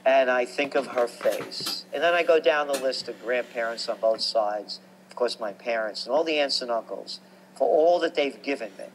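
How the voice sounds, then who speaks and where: A man, telling stories about his life as a guest in an animated, emphatic way. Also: mid-range voice, moderate pace, slight background noise, low-quality recording. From New York. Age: 60s. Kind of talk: conversational storytelling.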